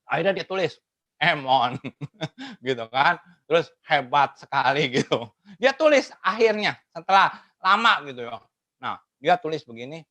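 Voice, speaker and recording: A woman teaching math in an online webinar, laughing often and asking her audience lively questions. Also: low voice, normal speed. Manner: laughs often between phrases; acts out quoted remarks in changed voices.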